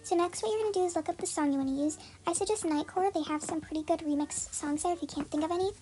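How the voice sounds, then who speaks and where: Soft music plays beneath a fast, warm-toned host whose voice is disguised by a changer set very high. They chat their way through a relaxed step-by-step tutorial, leaning heavily on "like" and "um."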